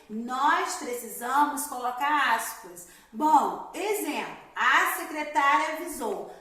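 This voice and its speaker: A woman's voice: fairly high pitch, fairly bright tone, distant mic. A woman primary school teacher giving a recorded grammar lesson, explaining step by step and often checking in with the class. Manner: explains step by step with frequent "né?" and "galerinha". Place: room at home. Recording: very echoey room, voice set back from the mic.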